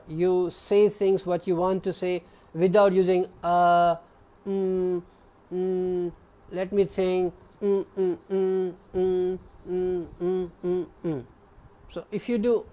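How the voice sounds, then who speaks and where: An exam prep teacher with a Pakistani English accent and a slightly mellow mid-range voice teaches a live online class. He explains things patiently, checks in frequently with "okay?", and calls on students by name.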